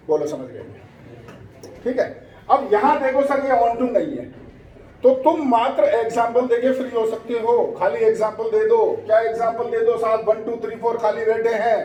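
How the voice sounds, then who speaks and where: High-voiced male teacher in an echoey room. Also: mellow. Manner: quizzing students with quick rhetorical questions; mixes English maths terms into his speech. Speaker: maths teacher. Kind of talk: exam revision lesson. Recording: echoey room, voice from a distance, faint noise.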